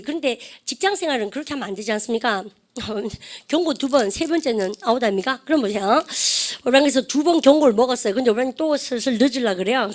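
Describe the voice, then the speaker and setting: A middle-aged woman gives an animated English grammar lesson in a slightly high voice. She keeps prompting her class to repeat after her and drops into slow, careful English for the drill phrases. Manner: coaxing, calls students to repeat phrases; switches between dialect-tinged Korean asides and slow English drills. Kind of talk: lively classroom-style lecture.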